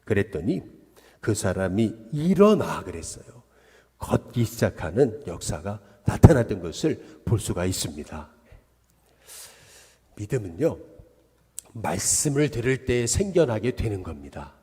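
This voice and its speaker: Male pastor, mellow husky voice, lively sermon storytelling, long church reverb. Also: lowish voice, unhurried, pauses often. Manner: animated storytelling, acting out quoted voices. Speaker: senior pastor. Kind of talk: dawn service sermon. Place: church sanctuary.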